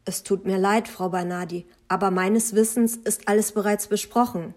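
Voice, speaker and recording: A woman voicing a reserved man who speaks calmly and measuredly in an audiobook. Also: medium pitch, normal speed, natural voice. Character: calm reserved man with dark velvety voice.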